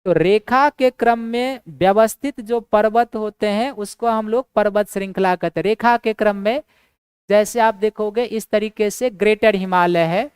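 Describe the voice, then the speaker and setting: A woman's voice: medium pitch, moderate pace, darkish tone, clean tone, dry recording, clean studio sound. A woman giving a geography lecture for exam preparation, asking rhetorical questions, answering them herself and repeating key points. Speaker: geography teacher for exam prep. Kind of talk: classroom lecture.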